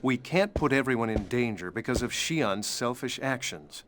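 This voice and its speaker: An actor playing a serious, restrained elder brother who is quietly worried, in a game cutscene. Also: male voice, medium pitch, expressive, normal speed, slight background noise, lightly acted. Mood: stern. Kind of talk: dramatic game cutscene acting. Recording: loud music behind the voice.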